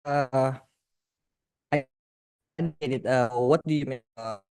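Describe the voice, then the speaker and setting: A man, a debater speaking haltingly over a video call whose signal keeps breaking up. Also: medium pitch, a little mellow, smooth, no room sound, clean studio sound. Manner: halting, hesitant. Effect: breaking-up online call signal.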